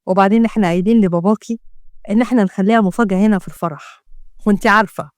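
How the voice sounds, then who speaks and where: Sly young man voiced by a woman, Egyptian accent, smug coaxing tone, quick delivery, lowered pitch. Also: no room sound, clean studio sound, close to an everyday voice. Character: sly scheming young man, smooth fiancé.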